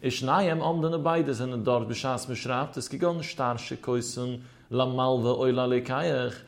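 A man's voice: mid-range voice, measured pace. A man teaching a religious text, reading short phrases and then explaining them with a chanting, rising-and-falling lilt. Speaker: Talmud teacher.

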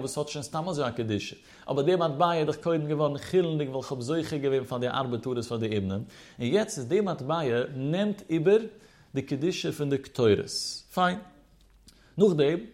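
A man's voice: fairly high pitch, a little mellow. Man explaining a Talmud lesson. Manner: explains step by step with rhetorical questions; mixes in Hebrew study terms. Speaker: religious teacher.

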